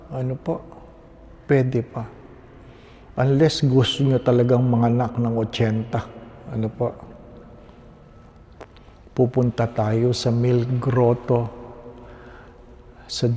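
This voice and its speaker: A priest, reading the gospel and preaching slowly and solemnly at Mass, with the long reverb of a large stone church around him. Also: male voice, mid-range voice, mellow. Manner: slow, measured, solemn delivery. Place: large basilica indoors.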